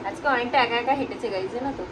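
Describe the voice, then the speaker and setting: A woman's voice: fairly high pitch, rapid-fire, background noise. A young woman chatting casually to camera as a family vlogger at home, filmed on a phone. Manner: chatty, keeps addressing viewers as "guys". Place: home, indoors.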